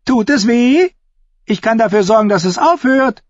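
A cackling, crude jester-outlaw shrieks his leering taunts far above a normal man's range. The voice comes across loud and pushed. The lo-fi recording is dull and dry. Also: animated, moderate pace, no room sound. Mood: gleeful mockery. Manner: shrill crowing taunts, leering.

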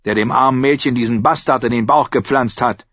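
A man's voice: medium pitch, brisk, fairly bright tone, dry recording, dull audio, pitched above the performer's own voice, lightly acted. A man voicing a grumpy, quarrelsome middle-aged man who scolds and accuses the others. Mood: indignant. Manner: angry, scolding.

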